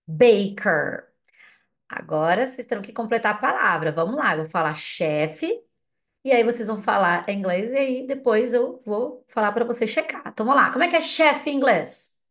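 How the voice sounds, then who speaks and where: A woman whose first language is Portuguese, giving an English lesson, drilling words slowly and patiently with repetition prompts. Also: fairly high pitch, expressive, a bit bright. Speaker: English teacher.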